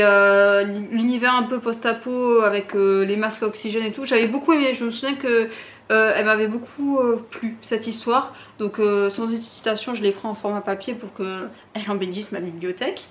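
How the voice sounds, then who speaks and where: A young woman vlogging in a casual, chatty way, full of fillers and restarts. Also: on the high side. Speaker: booktube vlogger. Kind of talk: casual chat to camera.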